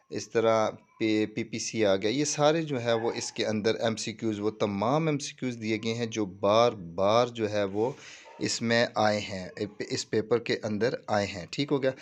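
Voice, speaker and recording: A tutorial presenter with a lowish voice and a Pakistani accent guides listeners through a screen in an informal, step-by-step way. English terms slip into his explanation, and he regularly repeats reassuring check-ins to make sure everyone follows.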